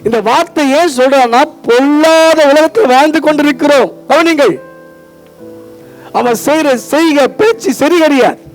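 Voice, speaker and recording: A man with a Tamil accent preaches a fervent sermon in a strikingly high voice. He calls out to his listeners again and again and echoes their readings back to them. Soft music plays beneath him. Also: normal speed. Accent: Tamil Nadu. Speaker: pastor.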